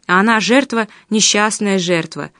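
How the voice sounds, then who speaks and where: A woman's voice: mid-range voice, normal speed, a bit bright, no echo, studio quality, lightly acted. A woman reading an embittered ranting man. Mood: bitter. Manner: heated, accusatory, emphatic. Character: bitter, resentful man ranting about his lover. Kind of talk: audiobook reading.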